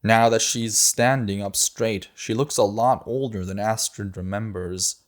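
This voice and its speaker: Male narrator, audiobook, low voice, measured and steady reading. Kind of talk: scripted narration.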